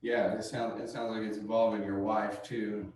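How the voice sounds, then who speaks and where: A man's voice: lowish voice, flat delivery, moderate pace, darkish tone. A man playing a service technician in an improvised sales training role-play, polite and a bit hesitant as he asks questions. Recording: very echoey room, far from the mic, faint noise.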